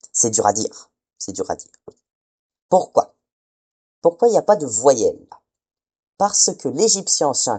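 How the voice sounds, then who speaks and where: A man's voice: mid-range voice, dark tone. A man giving a casual spoken lesson, hesitant, often stumbling and correcting himself. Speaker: teacher.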